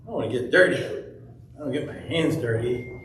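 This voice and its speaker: A man's voice: mid-range voice, a little fast, background noise, voice pushed down, lightly acted. A man playing a fussy, self-concerned priest. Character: fussy male priest worried about his robe. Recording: echoey church from a distant mic.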